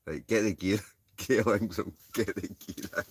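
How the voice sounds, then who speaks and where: A man's voice: lowish voice, a little slow, breathy edge. A Scottish man chatting casually to livestream viewers in a rambling, chuckling, easily sidetracked way. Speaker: livestream host. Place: inside a tent.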